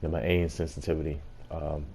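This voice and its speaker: A man's voice: very deep voice, flat delivery, fairly quick, creaky, warm tone, a little hiss or hum. A man giving a casual gameplay tutorial as host, explaining things in an informal way.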